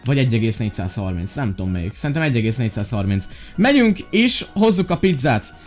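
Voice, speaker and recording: Lively, playful young gaming man. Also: fairly low pitch, faint music behind. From Hungary. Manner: playful, shouting commands, rambling with fillers. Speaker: gaming YouTuber. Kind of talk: Minecraft role-play commentary.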